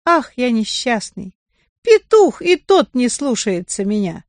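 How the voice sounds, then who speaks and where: Woman playing a storybook carpenter, self-pitying drunk, whining and coaxing, lively pitch, dry sound. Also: a little slow, dry recording.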